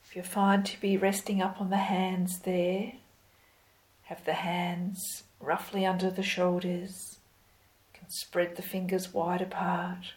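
A woman yoga instructor speaks at a very slow, unhurried pace in a fairly low voice. She guides movement and breathing step by step, with a calm and gentle delivery. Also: rough recording.

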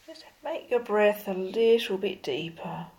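A woman leading a yoga class as instructor, giving calm, gentle, step-by-step cues in an unhurried way. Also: mid-range voice. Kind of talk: slow guided yoga instruction.

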